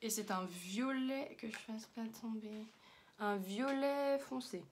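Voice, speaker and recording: A woman's voice: on the high side, slow, slight background noise. A young woman chatting casually through a makeup haul, with many fillers and slang words. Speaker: beauty vlogger.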